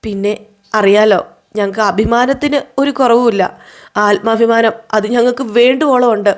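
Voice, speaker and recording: A woman's voice: a little high, normal speed, close to an everyday voice. A woman doing a grieving proud mother. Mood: sorrowful. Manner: earnest, sorrowful appeal. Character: poor, proud, grieving middle-aged mother.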